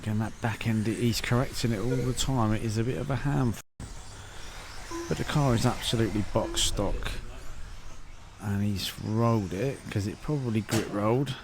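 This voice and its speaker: In a lowish voice at a normal pace, a man hosting an RC channel chats informally while filming evening races at an outdoor track, thinking out loud as he goes. RC cars and track ambience come through the noisy outdoor camera audio.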